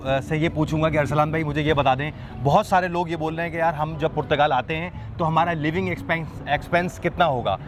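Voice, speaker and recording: A man's voice: fairly high pitch, background noise. A man, a travel vlogger chatting eagerly with people outdoors by a beach. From Pakistan. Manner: friendly, chatty, eager questioner. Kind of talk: casual street interview and chat.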